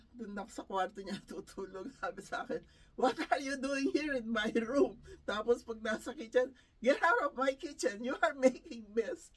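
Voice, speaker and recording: A woman's voice: mid-range voice, far from the mic. A woman from the Philippines speaks to her followers from a small home setup. Her talk is casual and heartfelt, broken often by laughter, and sometimes slips into short prayers. Her voice sits a bit off-mic. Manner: laughs often between phrases, emotional. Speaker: vlogger. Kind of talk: casual chatty vlog with spoken prayers.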